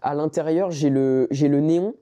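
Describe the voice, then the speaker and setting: A young man from France, a student, interviewing a guest in casual talk, halting and searching for his words. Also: on the high side, mellow. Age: young adult. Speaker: interviewer and channel host.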